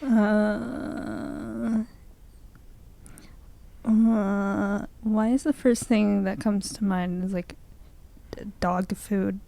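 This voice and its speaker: Unhurried young woman with a gravelly edge. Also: mid-range voice, steady tone, mellow. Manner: giggly, easily flustered. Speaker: co-host. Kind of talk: casual chat.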